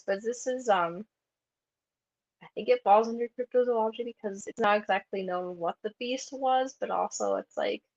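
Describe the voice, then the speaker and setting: Woman, panel presenter, casual and rambling, lots of fry, muffled lo-fi capture. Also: medium pitch. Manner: chatty, heavy use of "like" fillers. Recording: dull lo-fi recording.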